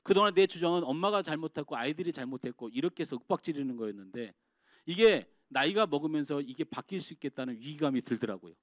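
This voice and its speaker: Middle-aged male pastor, sermon delivery, slightly high voice, dry close sound, big shifts between emphatic and hushed. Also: expressive, quick pace, dry recording. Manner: swings from loud emphatic outbursts to quiet confiding asides. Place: church sanctuary.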